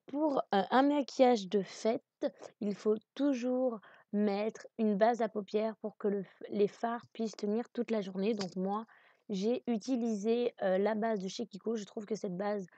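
Mellow-voiced woman narrating makeup steps. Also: medium pitch, fairly even intonation, measured pace, no echo, dull audio. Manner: chatty, many hesitations. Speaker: makeup tutorial host. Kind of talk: casual voice-over narration.

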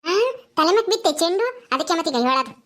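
A woman's voice: very high voice, lively intonation, fast talker, fairly bright tone. An older woman, talking casually in a home vlog, soothing and scolding a crying grandchild. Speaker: grandmother comforting a child.

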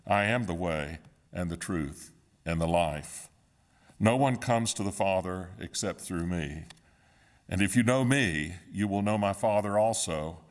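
A man in his fifties, a pastor at a pulpit in a church sanctuary, opening a sermon and reading scripture in a calm, measured way. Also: deep voice. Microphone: standing at a pulpit, far camera.

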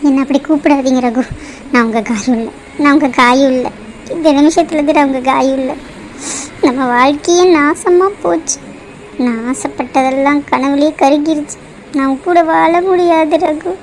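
A heartbroken young bride hurls bitter accusations in a high voice, as a woman acts her out. She sounds like a character from a cartoon drama. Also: steady tone, fairly quick, slight background noise, natural voice, poor audio.

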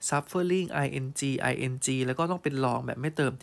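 A male teacher giving an online English grammar lesson. He reads test sentences slowly, then explains them fondly, calling students "child" and checking they follow. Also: medium pitch, creaky. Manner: fond, calls students "child" and checks understanding.

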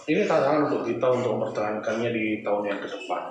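A man talks quickly and earnestly as a coach answering questions, a little distant from the mic. The room is very echoey with steady noise behind. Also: mid-range voice. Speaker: karate coach. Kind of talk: interview answers. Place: indoor trophy room.

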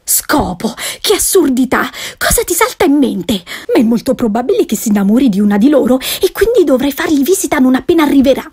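A woman reading an audiobook, voicing a fussy, excitable middle-aged wife and mother who pleads and exclaims eagerly. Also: high-pitched, a little fast, hardly any pauses, breathy edge, pitched above the performer's own voice, heavily acted. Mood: exasperated.

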